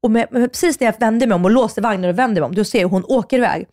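A woman in her thirties, a podcast co-host, telling a story in an animated, agitated way with many restarts. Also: a little high, no echo, clean studio sound. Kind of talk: casual chat.

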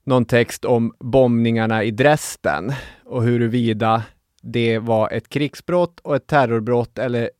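A man's voice: medium pitch, no room sound, studio quality. A man co-hosting a casual history podcast, talking reflectively and agreeing briefly with his partner. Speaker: podcast co-host.

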